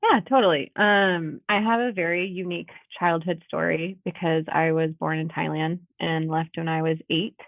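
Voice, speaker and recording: A woman in her thirties, a guest on a casual conversational podcast interview, chats over a video call with frequent laughs and fillers. Her voice is low-ish and creaky, fairly even in intonation, at normal speed with hardly any pauses. The audio is tinny and phone-like with no echo.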